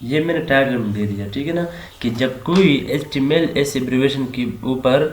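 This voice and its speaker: A man's voice: medium pitch, normal speed. A man with a Pakistani Urdu accent teaching a screen-recorded coding lesson, explaining steadily and often adding a "theek hai na" check. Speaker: programming tutor. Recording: echoey room with faint hiss. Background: keyboard typing and mouse clicks.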